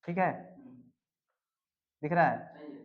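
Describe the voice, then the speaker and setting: Male teacher on a lesson video: slightly high voice, quizzes and repeats answers. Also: very slow. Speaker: general knowledge teacher. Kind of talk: classroom lesson with memory tricks. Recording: dull lo-fi recording.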